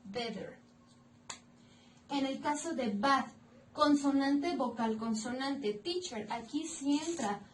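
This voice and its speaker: A Mexican woman teaching English grammar in Spanish, explaining each rule slowly and clearly, step by step, in a recorded lesson. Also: fairly high pitch, darkish tone, a little hiss or hum. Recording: echoey room, mic at a distance.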